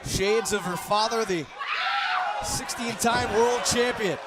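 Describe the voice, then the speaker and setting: A man's voice: extremely high pitch, slow pace. A man doing wrestling play-by-play commentary with emphatic, dramatic calls. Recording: loud arena crowd noise. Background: roaring crowd in an arena.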